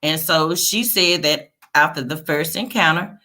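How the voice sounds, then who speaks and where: A woman with a low-pitched voice hosts a celebrity news livestream. She talks casually and directly to her audience, often checking in with them as she goes through the story. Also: a little slow, bright, forceful tone. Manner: chatty, addresses viewers as "y'all" and "you guys" with frequent "okay?" tags. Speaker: host of a celebrity gossip livestream.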